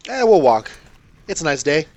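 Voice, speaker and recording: A man's voice: fairly high pitch, very animated, moderate pace, a little mellow, dry recording, lo-fi sound. A man hosting a let's play, giving casual gameplay commentary in a joking, rambling, irreverent way.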